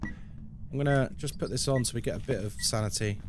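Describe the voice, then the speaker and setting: A man's voice: mid-range voice, brisk, noisy background. A man chatting casually as a live game streamer, with playful, tongue-in-cheek banter and commentary for his viewers.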